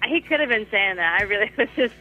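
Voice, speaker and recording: A woman's voice: medium pitch, animated, quick pace, highs cut off, faint music behind. A woman guesting on a radio show, telling a story in a rambling way with many fillers and frequent laughs. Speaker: guest musician. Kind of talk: casual on-air interview.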